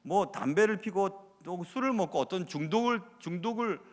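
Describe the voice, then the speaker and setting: Brief: male pastor, fairly high voice, conversational sermon, long church reverb. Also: animated, moderate pace. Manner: conversational, confessional preaching with rhetorical questions. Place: church sanctuary.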